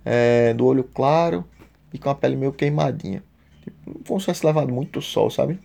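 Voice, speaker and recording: Very gravelly man. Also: mid-range voice, normal speed, mellow. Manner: emotional, slangy, heartfelt retelling. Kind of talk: casual personal storytelling.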